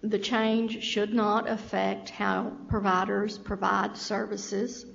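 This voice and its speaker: A woman with a Southern US accent, presenting a state program update at a public meeting in a measured, explanatory way. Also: medium pitch, flat delivery, gravelly. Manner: measured, explanatory, occasional stumbles. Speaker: state agency official presenting. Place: meeting room. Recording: dull, faintly noisy, long hall reverb.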